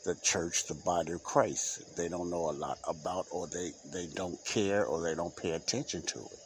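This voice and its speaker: Low-pitched and steady in tone, this man talks at normal speed with a faint hiss or hum underneath. Alone on his unedited home-mic podcast, he rambles unscripted, repeats himself and uses lots of fillers, sounding congested through a stuffy nose.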